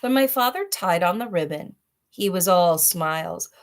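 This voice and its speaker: A woman's voice: lowish voice, lively intonation, moderate pace. A woman narrating a children's story aloud as a reader, with chatty asides to her young listeners.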